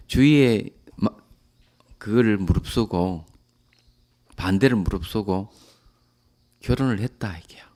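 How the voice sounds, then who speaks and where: A man, a Buddhist monk, giving a calm dharma lecture that often trails off softly at the ends of phrases. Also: mid-range voice, vocal fry.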